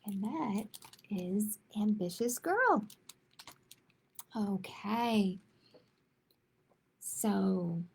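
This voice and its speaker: At a storytime for kids, a woman with a medium-pitched voice reads a picture book out loud and chats informally. Her delivery is expressive and emphatic.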